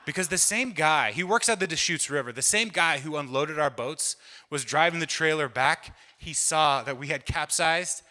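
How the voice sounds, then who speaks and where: A man's voice: a little high, moderate pace, bright, forceful tone. A middle-aged man doing stand-up, rambling through a story with self-deprecating asides, many fillers and restarts, on a hall stage. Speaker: comedian. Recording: long hall reverb from a live venue.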